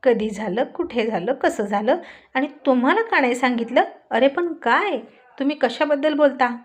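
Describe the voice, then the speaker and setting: A woman's voice: fairly high pitch, normal speed, a little mellow, lightly acted. A woman voicing a curt, irritable young husband in a narrated story, snapping and stammering when cornered. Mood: puzzled.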